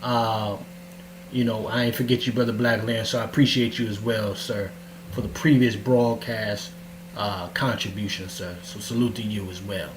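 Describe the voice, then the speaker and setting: A man's voice: lowish voice, little pitch movement, moderate pace. A man hosting a casual livestream, hyped and calling out to his audience, his voice carrying a heavy echo like in a cave. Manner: hyped, repeats phrases, calls to the audience. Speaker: livestream show host. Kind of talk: casual livestream talk with shout-outs. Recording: echoey livestream audio with faint hum.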